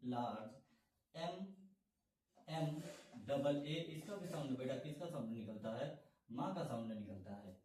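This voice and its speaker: A man's voice: a little high, warm tone, distant mic. Male teacher in an echoey room. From India. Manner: explains slowly, repeats questions to students, calls them "beta". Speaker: English teacher. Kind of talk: classroom-style lesson.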